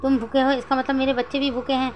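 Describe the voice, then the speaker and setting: A woman voicing a doting, teasing young husband who fusses over his pregnant partner, in a high, even voice. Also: quick pace, highs cut off, a little hiss or hum, natural voice. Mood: fond, teasing.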